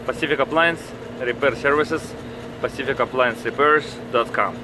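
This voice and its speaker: A repair technician, a man with a heavy Russian accent, explaining his hands-on work in halting, repetitive phrasing. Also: mid-range voice. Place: outdoors on a commercial rooftop. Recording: noisy outdoor handheld recording, traffic ambience.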